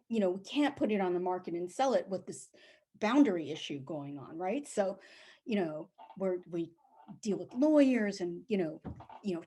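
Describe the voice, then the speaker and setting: A woman in middle age tells a true story from her own life. She talks with lively energy and slips into the voices of the people she describes. Her voice sits at an ordinary middle pitch. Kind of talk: spoken personal storytelling.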